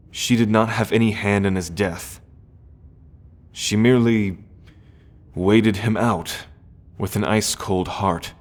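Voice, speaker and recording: In a fantasy audio roleplay, a man with a fairly low voice plays an earnest, sorrowful young prince. He speaks gently and formally, letting weighty pauses hang, and the mood is grave and bitter.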